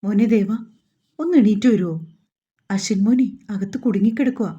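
A woman's voice: mid-range voice, moderate pace, warm tone, husky, highs cut off, natural voice. A woman reading the part of a worried, motherly older woman who pleads. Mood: pleading.

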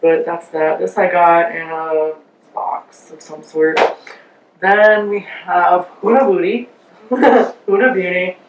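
A woman's voice: on the low side, steady tone, slow pace, recorded from a distance, a little hiss or hum. Chatty vlogger woman in a sheet mask, rambling and trailing off, set back from the mic in an echoey room. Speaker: beauty vlogger. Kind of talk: casual chat reviewing makeup.

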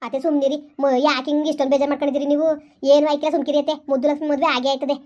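A woman's voice: high voice, little pitch movement, racing, darkish tone, lo-fi sound, close to an everyday voice. An actress playing a young daughter-in-law in a village family drama, reassuring and pleading with her mother-in-law.

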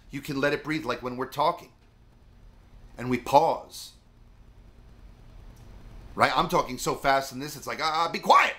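A middle-aged man explains guitar solos in a loose, chatty way and wanders off on tangents. His voice has a bright, forward edge, and his pitch sits in an ordinary middle range. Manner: rambling, chatty, lots of fillers. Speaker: music teacher. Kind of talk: casual video guitar lesson.

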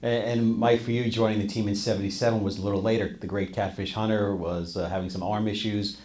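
Low-voiced guy moderating, gives background then tosses a question to the guest. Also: little pitch movement, fast talker, darkish tone. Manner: sets up questions with background details. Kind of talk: panel moderating.

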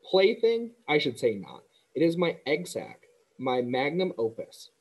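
A man voicing a weak, gentle old spider. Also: a little high, wildly swooping pitch, unhurried, slightly rough, pitched above the performer's own voice, exaggerated voice, rough recording. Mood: weary, gentle. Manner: quiet, tired, gentle. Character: weak, fading female spider, gentle and wise.

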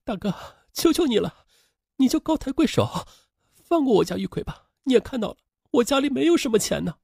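A man's voice: very high voice, big pitch swings, brisk, creaky, a little mellow, husky, no echo, studio quality, pitched above the performer's own voice, full character voice. A man voicing a scolding village sister. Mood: pleading. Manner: scolding, then pleading. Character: scolding rural woman, elder sister, desperate.

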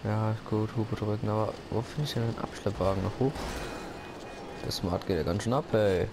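A German-speaking gaming YouTuber with a gravelly, low male voice delivers brisk, casual let's-play commentary. He rambles and jokes to himself over a noisy gameplay recording.

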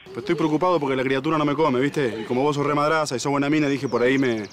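An actor playing an anxious father in a telenovela, with a Rioplatense accent, pleading quickly for help. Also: medium pitch, slight background noise, lightly acted. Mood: worried. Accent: Rioplatense Spanish. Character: anxious young father seeking help feeding his baby. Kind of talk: telenovela acting.

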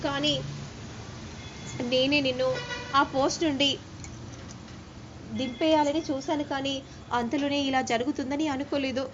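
Woman voicing a calm reassuring husband. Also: high voice, measured pace, long pauses, noisy background. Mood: soothing. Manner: steady, soothing, explanatory. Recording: dull lo-fi with faint ambience.

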